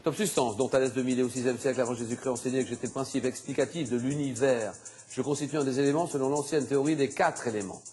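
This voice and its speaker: A man hosting a TV quiz show, animated and exclamatory, reading clues and teasing contestants in a studio. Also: mid-range voice, fast talker, soft background music.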